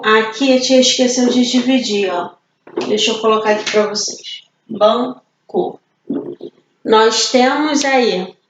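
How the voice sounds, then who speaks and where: A Brazilian woman teaching an online class for children, patient and slow, asking questions and answering them herself. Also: a little high, fairly bright tone, roomy sound, lo-fi sound. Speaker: primary school teacher.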